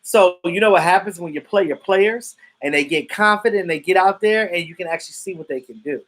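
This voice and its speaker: A man in his thirties with Jamaican family roots hosts a live stream, chatting loosely about football and reading viewer comments. His voice is high, brisk and fairly bright, and he's outspoken, swearing freely.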